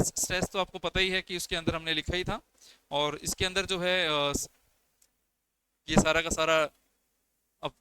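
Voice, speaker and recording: A man's voice: on the high side, background noise. A young man teaching an exam-prep class on poetry, explaining step by step and counting syllables aloud, with as his on terms. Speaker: English lecturer. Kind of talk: exam coaching lecture.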